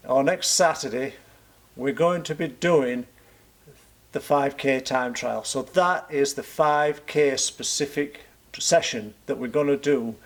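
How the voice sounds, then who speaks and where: Man, gravelly creaky voice, mid pitch, informal vlog coaching, explanatory, question-and-answer delivery. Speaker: running coach and club vlog host. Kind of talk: informal instructional vlog to camera.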